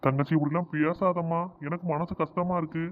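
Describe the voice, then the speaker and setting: A man voicing a soft-hearted middle-aged village brother in a cartoon, pleading. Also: a little high, flat delivery, brisk, natural voice. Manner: pleading, placating. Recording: tinny phone-like audio with faint noise.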